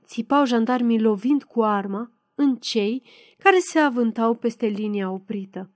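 A woman's voice: a little high, no room sound, studio quality. A woman reading a novel aloud as an audiobook narrator, in a dramatic reading style. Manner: dramatic reading, loud in quoted shouts.

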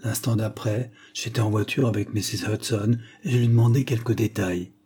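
A man narrating an audiobook in a measured, earnest storytelling manner. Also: on the low side, fairly even intonation, dark tone, breathy edge.

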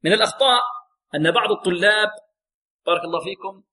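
Man, high voice, tajweed lesson, slow repeated demonstrations, asks and answers. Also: bright, forceful tone. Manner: demonstrates recitation slowly, repeating words; asks questions and answers them himself. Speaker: Quran recitation teacher. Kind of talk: tajweed lesson with call-and-response questions.

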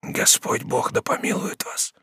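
Man reading as a dying old prisoner, low and hushed, slow weary delivery, dry close sound. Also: husky, no room sound. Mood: resigned. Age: 60s. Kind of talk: audiobook character reading.

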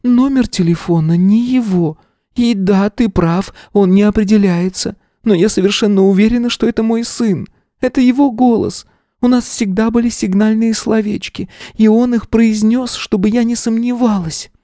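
Man doing a shrill, furious older wife. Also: normal speed, dark tone, no room sound, clean studio sound, lightly acted. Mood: defiant. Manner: shrill, hysterical, spiteful.

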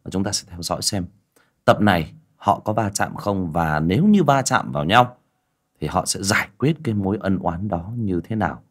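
A man's voice: low-pitched, expressive, moderate pace. A man narrating an audiobook, addressing listeners directly in a conversational way.

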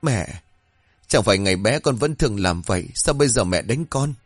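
A man's voice: lowish voice, expressive, moderate pace, slightly rough, no echo, studio quality, soft background music. A man voicing a tearful, clingy older village man who whimpers as he speaks. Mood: sobbing.

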